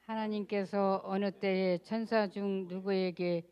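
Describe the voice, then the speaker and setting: A woman in a congregation reading scripture aloud slowly and evenly. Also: medium pitch, clear, resonant tone. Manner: slow, even recitation.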